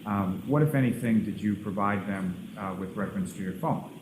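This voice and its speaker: A man questioning a witness as a prosecuting lawyer, with a formal, wordy and halting manner. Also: on the low side. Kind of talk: courtroom questioning. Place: large indoor courtroom. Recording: echoey, noisy courtroom feed.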